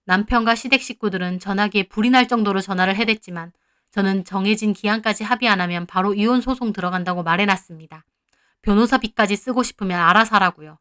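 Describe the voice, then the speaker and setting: A woman's voice: medium pitch, quick pace, fairly bright tone, smooth. A woman in her thirties narrating a dramatic first-person family story in a confiding, indignant tone.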